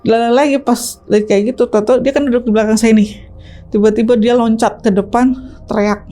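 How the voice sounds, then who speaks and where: A woman guest telling her own story in a chatty, animated, casual way, tagging her sentences with fillers. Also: a little high, a little fast. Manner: chatty, animated, tags lines with "gitu". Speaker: ride-hailing driver, interview guest. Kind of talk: casual first-person storytelling.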